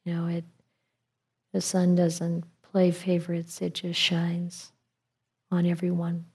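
A woman leading guided meditation as a teacher, in a calm, gentle meditative manner with long pauses and a soft, slightly husky voice. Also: fairly low pitch.

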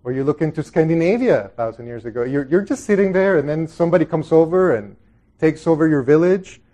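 Expressive and fast, with a fairly high pitch and dark tone, this Buddhist meditation teacher is a middle-aged man from El Salvador. He gives a group an informal, reflective dharma talk, chatting conversationally and drifting into asides.

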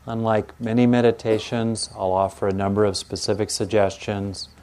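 A man teaching a guided meditation in a soothing, gentle, unhurried manner with pauses between phrases, like a calm yoga teacher. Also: on the low side.

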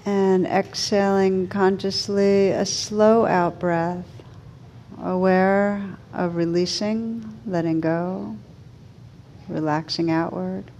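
A female meditation guide speaks soothingly in short phrases, pausing unhurriedly between them. Her mid-range voice stays steady, and there is slight background noise.

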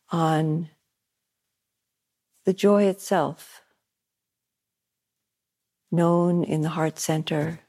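A woman on the low side of the pitch range leads a guided meditation at a retreat center. She is soft-spoken, pausing at length and repeating phrases gently.

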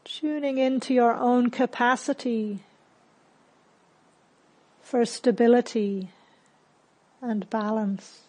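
With a somewhat high voice, a meditation teacher speaks softly and patiently, walking listeners through the practice. Her gentle guidance comes with long pauses in between.

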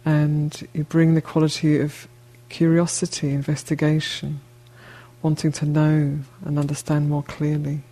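A woman leads a guided meditation in a low voice with a completely flat delivery. She talks gently and slowly in short phrases, leaving long pauses in between.

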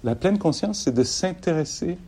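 A man's voice: on the high side, animated, normal speed, slightly rough. A middle-aged man giving a mindfulness dharma talk to an audience, often laughing and losing and finding his thread. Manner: warm-humored, laughs often, loses and finds his thread. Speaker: mindfulness meditation teacher.

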